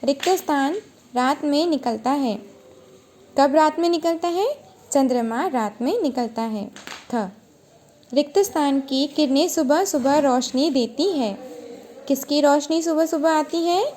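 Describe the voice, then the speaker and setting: High-voiced woman teaching slowly. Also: darkish tone, slight background noise. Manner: asks questions then answers them herself. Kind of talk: classroom grammar lesson.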